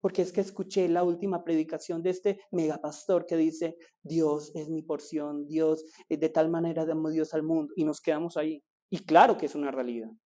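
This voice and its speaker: A man's voice: on the high side, fairly even intonation, moderate pace, few pauses, warm tone. A man preaching a sermon as pastor, asking rhetorical questions and pressing his points with rising emphasis.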